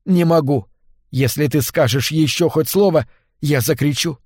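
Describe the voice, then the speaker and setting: An audiobook figure: a proud young wife, bitter and cornered, who spits her words out, played by a male reader. Her voice sits higher than his plain narration, tight and clipped, in a dry close recording. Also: normal speed, a little mellow, breathy edge, no room sound.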